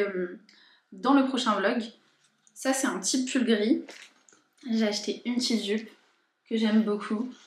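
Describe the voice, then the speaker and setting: A young woman chatting casually in a haul and unboxing vlog, informally and hesitantly, thinking aloud as she goes. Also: mid-range voice. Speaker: lifestyle and beauty vlogger. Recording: echoey room.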